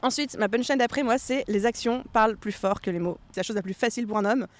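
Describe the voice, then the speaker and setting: A woman co-hosting a podcast in casual chat, animated and dropping English slang words into her talk. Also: fairly high pitch, quick pace. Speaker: podcast co-host.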